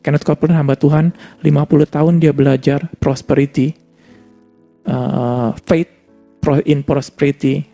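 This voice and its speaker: A man's voice: a little high, steady tone, measured pace, gravelly, mellow, soft background music. A man preaching a conversational sermon with personal testimony, mixing in English words.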